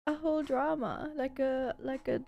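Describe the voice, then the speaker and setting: High-voiced, giggly young-sounding woman chatting. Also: normal speed, creaky, a little mellow. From Germany. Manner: giggly, playful. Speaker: co-host of confessions show. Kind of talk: casual chat.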